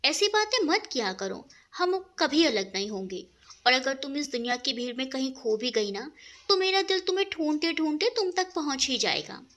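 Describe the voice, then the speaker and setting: Romantic young guy, earnest and sweet, woman reading him in a high lively voice. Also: exaggerated voice.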